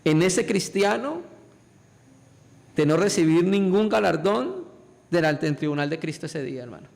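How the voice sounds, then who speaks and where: A man preaching with an insistent, pleading delivery, his voice pitched high with a gravelly fry. His words ring out with a long reverb through a church hall. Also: expressive, normal speed, darkish tone. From Colombia. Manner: emphatic, repeatedly addresses listeners as brothers. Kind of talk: sermon.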